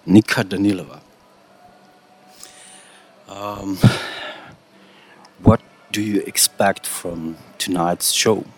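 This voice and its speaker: Speaking slightly rough and low, with a steady tone, he hosts a radio interview. The intro is in Slovenian, his native language, and his questions come haltingly in his second language, English.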